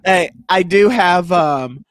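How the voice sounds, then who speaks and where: A man's voice: sits high, takes it slowly, crowd noise. A man making crude jokes and laughing often in a casual chat with friends, on painkillers.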